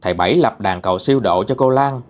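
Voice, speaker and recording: A man with a Southern Vietnamese accent, hosting a channel and narrating ghost stories in a dramatic, expressive way. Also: on the low side, fast talker. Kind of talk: storytelling narration.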